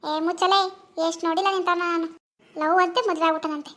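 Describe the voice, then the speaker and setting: A woman's voice: extremely high pitch, fairly even intonation, fast talker, a bit bright. Woman doing a jeering rowdy. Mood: mocking. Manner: jeering, laughing taunts. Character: mocking young village rowdy man, cocky then cowardly.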